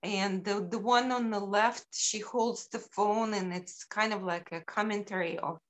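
This middle-aged woman from Ukraine shows her sculptures on a video call in an unhurried, halting way, filling gaps with frequent ums. She has a mid-range voice and a steady tone.

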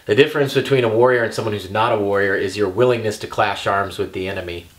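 A young man with a lowish, fairly even voice talks fast and emphatically straight to the camera as a firearms instructor. He keeps checking in with "okay" and "all right."

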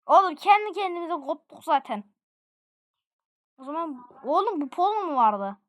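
A woman giving live gameplay commentary, excitable and quick to laugh and shout out exclamations. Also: very high-pitched. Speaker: gaming video creator.

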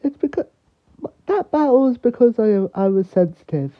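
A woman's voice: fairly high pitch, lively intonation, normal speed, muffled recording. A woman acting out a toy story in a chatty way, talking over the other player. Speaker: toy show performer.

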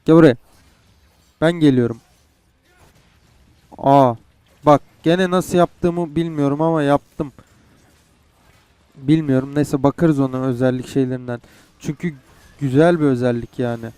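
A man's voice: medium pitch, fairly even intonation, unhurried, pauses often, mellow, clear, resonant tone, no room sound. A young man playing a game and commenting, frustrated and swearing as he goes. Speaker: gamer. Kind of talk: gameplay commentary.

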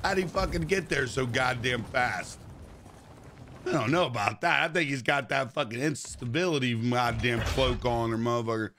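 A man livestreaming game commentary in a brash, animated frat-bro manner, swearing constantly and exclaiming. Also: medium pitch, moderate pace, noisy background. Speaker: video game livestream host. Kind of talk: livestream gaming chat and commentary.

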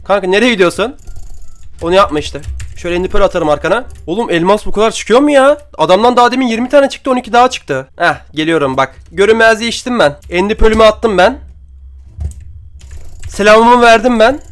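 A man's voice: high voice, expressive, quick pace, a bit bright. A young man giving casual commentary over his own gameplay, chatty and trash-talking opponents, with keyboard and mouse clicks at his desk mic. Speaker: gaming YouTuber. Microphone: desk microphone, keyboard and mouse clicks.

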